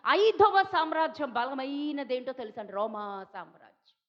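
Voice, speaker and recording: A woman from India preaches a sermon in a high voice, firing repeated questions at her listeners. Her voice rings out with a long reverb, as if in a large hall. The sound is dull and lo-fi. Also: normal speed, fairly bright tone. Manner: emphatic, repeats questions to the congregation. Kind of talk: Telugu sermon.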